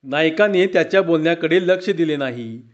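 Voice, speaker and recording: A male storyteller narrates a village tale in a measured, dramatic way. His voice sits fairly high for a man, and the recording is dull and lo-fi. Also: animated. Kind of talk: performed rural story narration.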